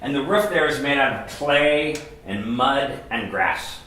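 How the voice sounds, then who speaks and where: A man preaching a sermon, telling a story in short phrases and pausing for his interpreter. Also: medium pitch, lively intonation, bright, forceful tone. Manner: storytelling, pauses line by line for the interpreter. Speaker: guest pastor. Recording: very echoey church hall.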